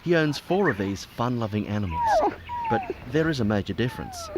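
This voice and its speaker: A man reading scripted documentary narration in a lively, dramatic way. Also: medium pitch, a little fast, very noisy. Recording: narration over clear music.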